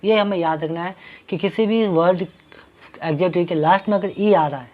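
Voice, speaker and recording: A man's voice: high-pitched, normal speed. A man teaching an English grammar lesson. He explains patiently, repeating each point and asking questions that he then answers himself. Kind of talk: classroom-style grammar lesson. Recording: dull lo-fi recording.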